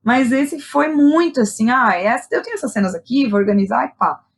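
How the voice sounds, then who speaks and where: A Brazilian playwright and director, interviewed on a podcast, recounts her own experiences in an unguarded, informal manner with frequent slang and tag questions. She speaks fairly quickly in a fairly high voice with lively intonation.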